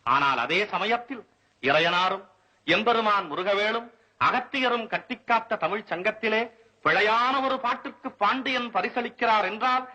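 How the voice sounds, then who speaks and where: Grave, formal elder poet with a husky, bright tone, as a man acts him out. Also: high-pitched, full character voice, rough recording. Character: stern, proud older male court poet. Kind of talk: comic film-scene reenactment.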